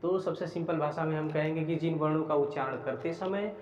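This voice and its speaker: A man teaching a grammar lesson, explaining step by step, repeating phrases and dictating definitions slowly word by word. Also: fairly high pitch, fairly even intonation, darkish tone. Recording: dull lo-fi recording.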